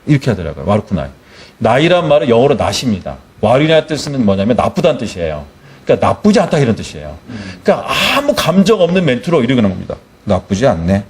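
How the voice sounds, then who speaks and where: A middle-aged male missionary preaches a sermon, animatedly telling a personal story and acting out the dialogue. His mid-range voice is husky, and he talks fast.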